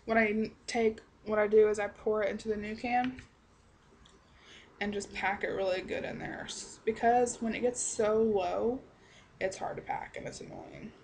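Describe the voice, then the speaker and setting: A woman's voice: mid-range voice, fairly even intonation, moderate pace, darkish tone, slight background noise. A young woman giving a casual, chatty review to camera, rambling along in a blunt, salty-tongued way. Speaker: product reviewer.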